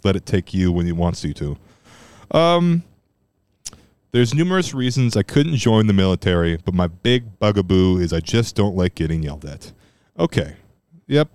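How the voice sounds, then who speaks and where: Brief: low, smooth-voiced man, loose rambling podcast talk, dry close mic at home. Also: moderate pace, no room sound. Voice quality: strong loud voice, at times monotone. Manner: rambling, loose and profane, many fillers. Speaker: podcast host. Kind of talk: casual solo podcast chat. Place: room at home.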